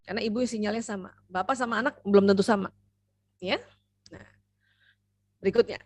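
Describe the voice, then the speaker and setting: Lively woman giving a seminar lecture. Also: a little high, no echo. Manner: lively, acts out parent and child voices; addresses the audience directly with frequent "ya". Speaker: seminar speaker, doctor.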